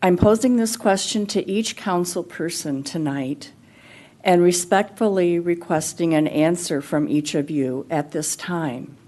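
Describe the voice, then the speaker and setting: Measured woman with a mellow lower voice. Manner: measured, formal, deliberate. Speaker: resident giving public comment. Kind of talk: formal public comment at a council meeting. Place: city council chamber.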